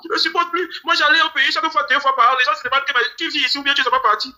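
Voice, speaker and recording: A man's voice: extremely high pitch, fairly even intonation, very fast, pushed and bright. A man from Cameroon giving a grieving, pleading interview, often repeating his words. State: grieving, near tears. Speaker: interview guest. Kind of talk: emotional interview testimony.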